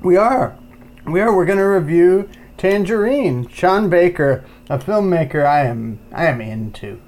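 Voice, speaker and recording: A man co-hosting a casual film review podcast, playful, his volume swinging widely from soft to loud. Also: high voice, expressive, unhurried. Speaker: podcast co-host.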